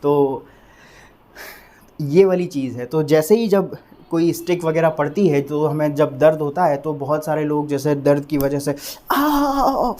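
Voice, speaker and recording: A male English teacher giving a vocabulary lesson, who repeats each word slowly to drill its pronunciation and keeps checking that viewers have understood. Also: on the high side, warm tone. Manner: addresses viewers as friends, asks "clear?".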